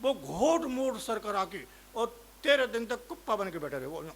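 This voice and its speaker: A man's voice: high voice, sing-song, normal speed, a little hiss or hum. A male comic poet, telling rustic village jokes on stage. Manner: rustic anecdotal joke-telling with dialect. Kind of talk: stage comedy storytelling.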